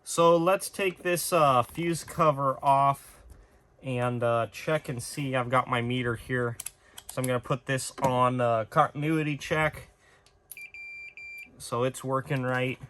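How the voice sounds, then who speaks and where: In his workshop studio, a young man casually guides viewers through troubleshooting electronics, explaining each step in a hands-on demonstration. This electronics repair video host starts out shaken and excited, then settles into calm explanation, speaking slowly in a mid-range voice with slight background noise.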